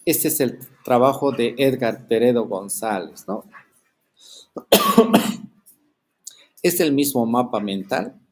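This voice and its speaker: A man's voice: mid-range voice, animated, slow pace, pauses often. A man teaching a class over a video call, explaining step by step and checking in with his students through constant tag questions. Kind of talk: online class lecture.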